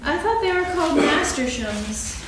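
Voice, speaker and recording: Small high-voiced earnest piglet played by a woman. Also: very animated, moderate pace. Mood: mildly anxious. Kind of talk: staged dramatic reading of a children's story. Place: stage, actors seated, live audience recording. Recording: echoey hall from far off, faint noise.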